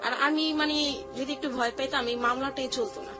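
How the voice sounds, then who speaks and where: Music plays behind a woman whose voice sits high and holds a steady tone at a fairly quick pace. She has a Bangladeshi accent and, as an interview guest, recounts personal experiences using colloquial, repetitive wording.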